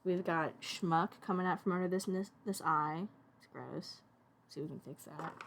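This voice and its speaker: A woman's voice: fairly low pitch, normal speed, fairly bright tone, a little hiss or hum. Young woman streamer rambling while she animates, mutters to herself a lot. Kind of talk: casual live-stream chat while animating.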